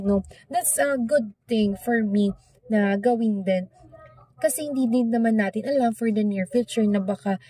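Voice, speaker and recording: A woman's voice: on the high side, dark tone, slightly rough, no echo. A young woman with a Filipino accent, giving an informal lesson in a chatty way and often adding tag questions. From Philippines. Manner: conversational, frequent tag questions. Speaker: teacher. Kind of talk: informal lesson talk, mixing English and Filipino.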